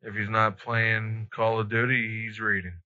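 A man's voice: fairly low pitch, flat delivery, measured pace, pushed and bright. A man hosting a podcast, chatting casually with hesitant, laid-back phrasing. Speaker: podcast host. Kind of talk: casual conversational podcast chat. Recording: slightly muffled, lo-fi podcast sound.

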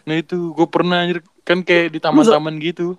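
A man's voice: fairly high pitch, brisk, clear, resonant tone, dry recording. Slangy young man, dry close sound. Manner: laughing, slangy, animated storyteller. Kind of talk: casual storytelling chat.

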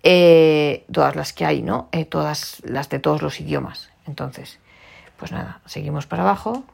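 A woman's voice: deep voice, moderate pace, vocal fry, darkish tone, slightly rough. A woman with a Spanish accent from Spain, casually walking through menu settings and explaining each item in a chatty, repetitive way. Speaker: tutorial presenter. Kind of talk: casual spoken walkthrough.

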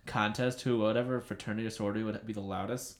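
A man in his twenties, a podcast co-host telling a rambling, animated story in casual chat. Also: on the low side, quick pace. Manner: rambling, animated, shouts out quoted lines. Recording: roomy echo.

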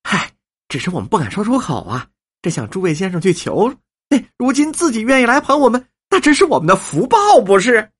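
A man voicing a fussy, flattering old woman in a storybook reading, with a husky voice. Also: brisk, exaggerated voice. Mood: gushing. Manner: shrill, gushing and flattering.

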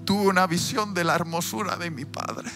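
A man preaching a sermon, telling a personal story and swinging from quiet storytelling to loud, impassioned preaching. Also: sits high, normal speed. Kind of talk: emotional sermon testimony. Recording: music playing behind the voice.

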